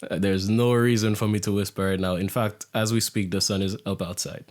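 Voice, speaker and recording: A young man, hosting a podcast in a reflective, soft-spoken monologue. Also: fairly even intonation, a little fast. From Saint Lucia. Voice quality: low gravelly voice. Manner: reflective, soft-spoken, drops into hushed near-whisper. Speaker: podcast host. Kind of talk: casual monologue.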